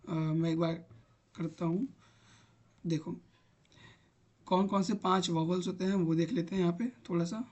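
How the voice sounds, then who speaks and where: A man's voice: high-pitched, fairly even intonation, normal speed, pauses often, a little mellow. A man teaching an online grammar lesson, patiently repeating examples aloud as he types on screen. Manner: talks while typing on screen.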